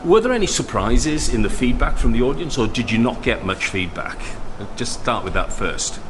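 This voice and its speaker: A man's voice: medium pitch, lively intonation, normal speed, background noise. A man interviewing a panel in a casual, chatty way, rambling and checking in with "okay?" as he goes. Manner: chatty, rambling, with frequent "okay?" and "you know".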